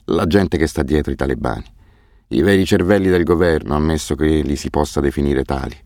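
A man's voice: rumbling low, fairly quick, darkish tone, no room sound, studio quality. A man voicing a blunt, scornful male guide who speaks curtly. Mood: dry, curt. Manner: curt, contemptuous.

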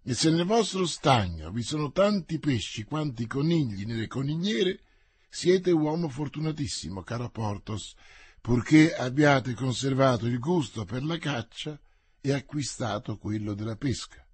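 A man reading the part of a shrewd, persuasive male musketeer in an audiobook, in a measured way. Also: medium pitch, animated, husky, no echo.

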